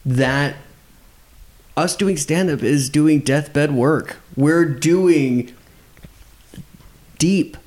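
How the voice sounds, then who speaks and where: A man's voice: fairly high pitch, very slow, pauses often, darkish tone. A man hosting a casual podcast chat, talking in an effusive, rambling and emphatic way. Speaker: podcast host, stand-up comedian.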